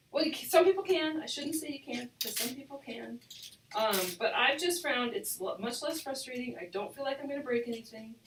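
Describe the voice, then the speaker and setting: A woman's voice: high-pitched, fairly bright tone, a little hiss or hum. A middle-aged woman chatting enthusiastically through a live craft demo, often restarting her sentences, her microphone giving a cave-like echo. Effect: echoey, cave-like microphone sound. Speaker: stamping and card-making demonstrator.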